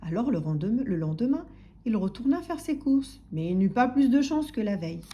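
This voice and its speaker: Expressive woman reading to children. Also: a little high, moderate pace. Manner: expressive, soft-spoken, sometimes whispering. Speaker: storybook reader for children. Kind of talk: children's audiobook narration.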